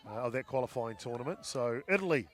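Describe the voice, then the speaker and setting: A man giving live play-by-play commentary at a softball game, chatting with his co-commentator between plays and getting loud on big hits. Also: mid-range voice, animated, fast talker. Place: outdoor ballpark.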